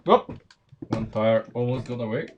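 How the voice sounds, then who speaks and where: A man's voice: mid-range voice, measured pace, dull audio, background noise. A man from Slovenia with a Slovenian accent, chatting casually on a live stream while building Lego, thinking aloud with lots of fillers and restarts.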